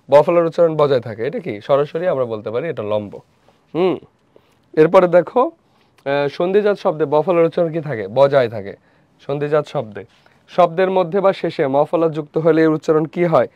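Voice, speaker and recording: A young man teaches a live online revision class, posing questions, repeating them, and then answering them himself. His voice is a little high and slightly mellow. The stream audio is dry, dull, and lo-fi.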